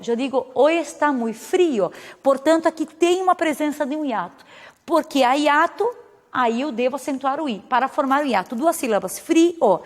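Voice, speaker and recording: A woman's voice: high-pitched, in a large hall. A woman teacher who speaks natively, explaining grammar rules patiently in a recorded video lesson and checking in with her students. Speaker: Spanish teacher.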